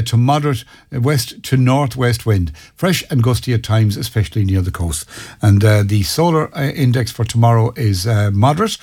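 A man's voice: medium pitch, a little mellow. An Irish man presenting a radio weather forecast with a somewhat hesitant delivery.

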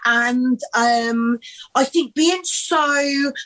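A woman in her thirties talks openly as an interview guest, her voice sitting a little high. She is bubbly and blunt, swearing often and calling the host "babes". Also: drawn-out words, fairly bright tone, rough recording. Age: 30s. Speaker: podcast guest. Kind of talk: candid interview talk.

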